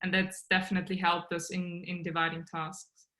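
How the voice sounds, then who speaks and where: In a lowish, bright, forceful voice with flat delivery at normal speed, a young woman explains her startup work with earnest care. An Austrian co-founder and native German speaker, she's answering podcast interview questions over a video call from her small bedroom.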